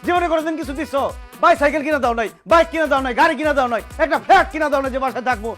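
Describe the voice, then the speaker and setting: This is a boastful young flat-hunter in a comedy sketch, played by a man. He rattles along at breakneck speed in a raised voice, sometimes half-singing his lines. Faint music sits behind him. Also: sits high, racing. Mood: cocky. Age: young adult. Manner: boastful, breaks into sing-song. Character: brash cocky young man, full of himself. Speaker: son looking for a flat.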